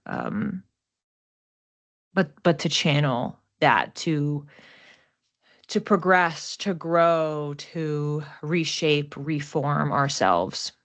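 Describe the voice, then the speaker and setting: Her voice is low-pitched and very animated, yet she speaks very slowly. She's an oracle card reader and astrology host giving an unscripted, casual reading, musing aloud in a reflective, chatty way.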